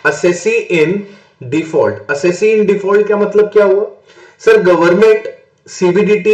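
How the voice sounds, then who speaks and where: A male tax lecturer from northern India, talking in a slightly high voice and often switching to English terms. He poses questions to the class and answers them himself. The recording has a roomy echo. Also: a little mellow. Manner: mixes English terms into Hindi explanation. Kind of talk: exam-prep classroom lecture.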